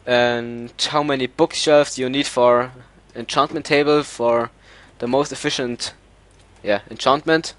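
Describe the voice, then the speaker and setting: A man's voice: mid-range voice, fairly even intonation, unhurried, a bit bright. A man with a German accent, a native German speaker, hosting a casual multiplayer gaming chat and searching for words in English. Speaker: server owner and let's-play host.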